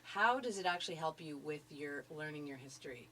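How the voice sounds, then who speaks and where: A woman's voice: deep voice, expressive, fairly quick, a bit bright, slight background noise, rough recording. Upbeat woman radio interviewer. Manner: upbeat, encouraging questions.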